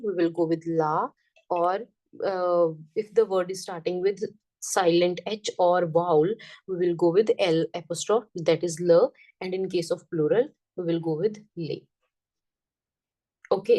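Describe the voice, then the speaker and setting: Lady teacher going over french words real slow, low mellow voice, kinda far from the mic. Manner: patient, checks understanding with "got it?". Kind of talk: slow classroom lesson, repeating words.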